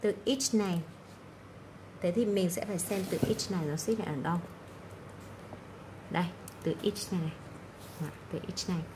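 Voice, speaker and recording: A woman teacher with a fairly low voice walks through the answers of an English exam one by one, pausing often to check that her students follow. A faint room hum sits under her voice. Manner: explanatory, frequent "đúng không?" check-ins.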